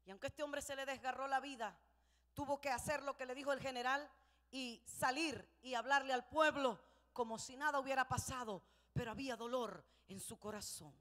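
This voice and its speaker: A woman pastor preaching a sermon, telling the story with passion and rising to shouts. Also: high voice, moderate pace. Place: church sanctuary. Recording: long church hall reverb.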